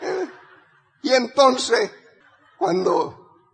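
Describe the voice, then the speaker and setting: High raspy older man in hall. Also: drawn-out words. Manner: animated, builds to rallying shouts, laughs often. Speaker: motivational speaker. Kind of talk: storytelling speech to an audience. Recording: reverberant hall.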